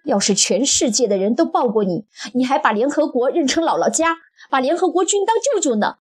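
A woman voicing a quarrelsome young wife, breathy, firing off rapid, shrill retorts. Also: animated, faint music behind. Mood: indignant.

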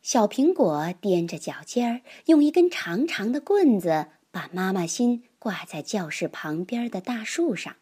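A woman reading a children's picture book aloud in an expressive, lively manner. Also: mid-range voice, unhurried, hardly any pauses, husky. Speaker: storyteller.

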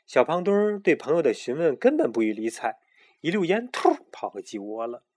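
一个男人在讲儿童故事，语气生动有表情。. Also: male voice, a little high, brisk. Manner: lively, expressive storytelling. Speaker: storyteller. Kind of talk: children's story narration.

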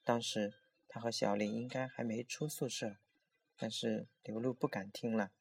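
A man's voice: medium pitch, steady tone, moderate pace, creaky, breathy edge. Male horror story narrator.

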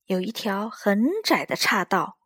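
A woman reading a children's story aloud in a slow, gentle storyteller manner. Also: medium pitch, breathy edge, no room sound, clean studio sound.

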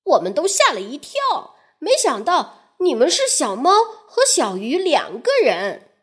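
A woman voicing a proud, boastful flying fish leader in a children's story, speaking loudly and quickly. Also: sits high, huge pitch swings, heavily acted. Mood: excited.

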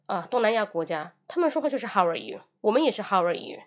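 A woman's voice: mid-range voice, sing-song, fast. Woman teaching English on a livestream. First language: Mandarin Chinese. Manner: switches between Mandarin and English, demonstrates phrases.

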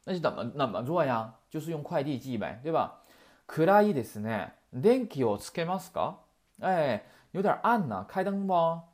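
This language teacher's medium-pitched voice is very animated, moving at a moderate pace through a classroom lesson. The teacher keeps checking with "right?" while quoting example sentences and then explaining them.

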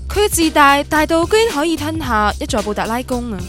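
With a Cantonese accent from Guangdong, an actress plays a romantic, stubborn young woman recounting her love story in a radio drama, mixing introspective first-person narration and dialogue. Her high-pitched, fairly bright voice is very animated and brisk, with a wistful mood and soft background music.

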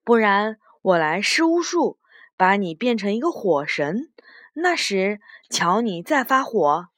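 Woman playing a vain quarrelsome witch, wailing and shrill, quick outbursts, dry close voice, storybook. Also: big pitch swings, fairly bright tone, no room sound, heavily acted. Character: vain, quarrelsome female witch who wails.

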